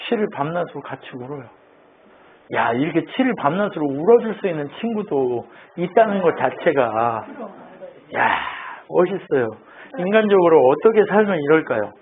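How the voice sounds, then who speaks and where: A man's voice: a little high, very animated, normal speed. A man preaching a sermon as pastor, asking the congregation questions and answering them himself. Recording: tinny phone-like line with faint noise.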